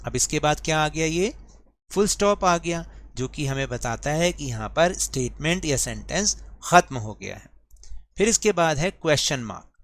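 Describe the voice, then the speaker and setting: Guy teacher going over a worksheet, fairly high voice, slow careful bits. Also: lively intonation, a bit bright. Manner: explains patiently, repeats and asks students questions; reads English lines slowly and deliberately. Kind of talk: worksheet lesson explanation.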